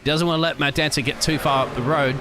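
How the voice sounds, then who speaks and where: A man's voice: a little high, fairly even intonation, fast talker, over music. A man giving conversational live motorsport commentary as a co-commentator on a sim race.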